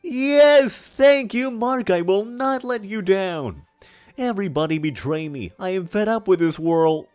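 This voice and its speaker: A man's voice: fairly high pitch, big pitch swings, moderate pace, faint music behind, voice pushed up. A man voicing a pompous, menacing, melodramatic older man in a hammy stage-actor manner for a comic dramatic reading. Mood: pleading, melodramatic. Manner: hammy stage-actor delivery with grandiose emphasis.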